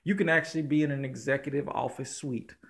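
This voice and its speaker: A man's voice: medium pitch, fairly even intonation, fast talker, no room sound. A man who runs a used-car business, giving blunt, slangy advice to his viewers in a casual vlog from his small office.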